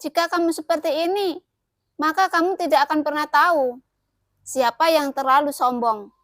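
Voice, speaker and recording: Female narrator voicing a proud ancient warrior for an audio novel; cold, haughty, threatening, in her high register. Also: normal speed, fairly bright tone, no echo, clean studio sound. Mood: cold, scornful.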